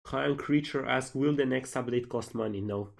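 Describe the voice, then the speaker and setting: A man's voice: mid-range voice, moderate pace, vocal fry. Man answering questions on stream. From Slovenia. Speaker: game developer hosting a livestream Q&A. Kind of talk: casual livestream Q&A, reading out questions and answering.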